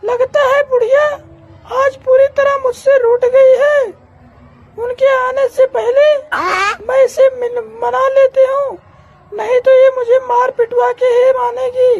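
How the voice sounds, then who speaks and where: A woman's voice: extremely high pitch, level tone, slow pace, a little mellow, lo-fi sound, faint music behind, heavily acted. A woman voicing a whining, back-talking cartoon daughter-in-law in a comedy sketch. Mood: pleading. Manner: whining, backtalking. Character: whiny cheeky cartoon vegetable daughter-in-law.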